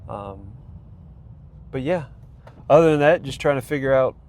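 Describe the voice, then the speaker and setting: Animated yet measured in pace, a congested man with a medium-pitched, slightly mellow voice offers a casual vlog update on his training program. He rambles, using fillers and restarting often, while noise fills the outdoor recording.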